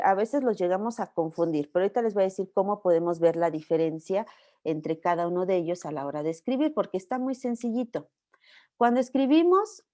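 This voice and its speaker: A woman's voice: medium pitch, a little mellow. A Mexican woman teacher giving a university class, explaining step by step and checking that students follow. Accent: Mexican Spanish. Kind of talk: online class lecture.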